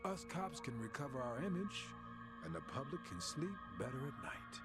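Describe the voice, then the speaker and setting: A man's voice: medium pitch, big pitch swings, moderate pace, natural voice. An actor playing a corrupt, sneering police officer in a video game cutscene, mocking and gloating as he frames a suspect, with game music behind. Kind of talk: game dialogue acting. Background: game music score.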